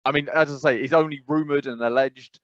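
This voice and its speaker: A brisk English podcast co-host, his voice on the high side with fairly even intonation and no echo, rambles through a casual conversation. He hesitates, restarts, leans on fillers, and laughs while talking, all heard through a dull, dry lo-fi mic.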